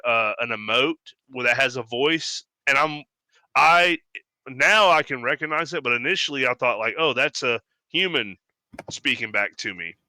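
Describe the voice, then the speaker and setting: Animated man with a bright, crisp voice. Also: medium pitch, dry recording, low-quality recording. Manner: animated, swears freely, mimics voices when telling stories. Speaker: podcast co-host. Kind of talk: casual chat.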